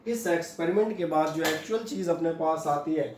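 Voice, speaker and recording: The recording comes from an echoey room with a faint hum, where a man lectures on physics in Hindi mixed with English. He breaks things down step by step and answers questions he raises himself. His voice sits on the high side, sounds a little mellow, and moves a little fast.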